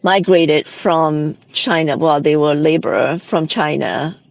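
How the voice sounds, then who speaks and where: A woman's voice: low voice, takes it slowly, gravelly, no echo, dull audio. A middle-aged woman from Malaysia, a company founder chatting as a guest in an interview, often restarting and tagging her sentences with "right?". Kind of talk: casual interview chat.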